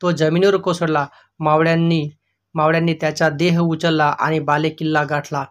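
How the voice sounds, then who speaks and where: Flat-voiced male teacher reading history. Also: on the high side. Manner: reads steadily, pausing to point out pictures. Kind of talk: reading a history textbook aloud to children.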